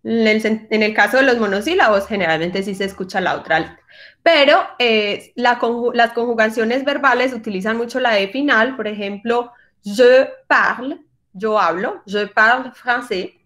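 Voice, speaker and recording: Woman, diction teacher, video call, patient, demonstrates sounds slowly, higher voice. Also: fairly bright tone. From Colombian Caribbean coast. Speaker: French diction teacher for singers. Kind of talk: online workshop lesson.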